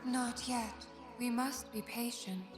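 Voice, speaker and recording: A woman voicing a calm, patient lamb spirit of death in a video game, speaking in measured, poetic lines. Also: on the high side. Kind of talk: dramatic game character dialogue. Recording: music behind the voice.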